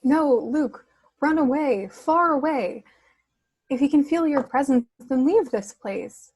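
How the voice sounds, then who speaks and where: A woman's voice: sits high, slow, darkish tone, low-quality recording. A woman reading the part of a troubled, tender young princess in a film script table read on a video call. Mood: distressed.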